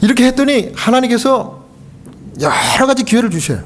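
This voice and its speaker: Speaking Korean with an extremely high, sing-song voice at a moderate pace, this man is recorded with slight background noise. He is a pastor and hospice chaplain delivering a conversational sermon in a church sanctuary, acting out the dialogue of the people in his story.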